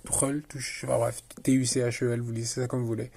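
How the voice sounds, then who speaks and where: A man's voice: mid-range voice, flat delivery, fast, vocal fry, warm tone, breathy edge. A man giving casual football commentary in a rambling, sarcastic way, often breaking off his own sentences. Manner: rambling, sarcastic, self-interrupting. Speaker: football vlogger.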